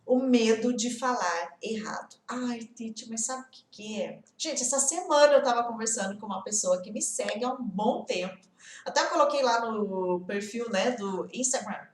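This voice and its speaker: A woman's voice: a little high, normal speed, reverberant. A woman in her forties teaching an online English lesson in a chatty way, asking the viewer many rhetorical questions.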